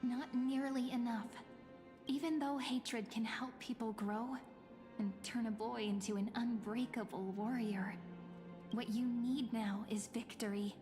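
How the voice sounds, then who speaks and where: An actress playing a sweet, playful young woman in an anime-style game, teasing and gentle with theatrical delivery. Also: on the high side, fairly even intonation, measured pace, natural voice. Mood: tender, earnest. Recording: long reverb, music over voice.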